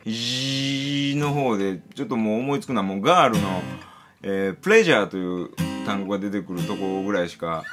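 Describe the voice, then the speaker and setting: A man giving a casual pronunciation lesson, patiently explaining and slowly sounding out example syllables and words. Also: mid-range voice. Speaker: English pronunciation teacher.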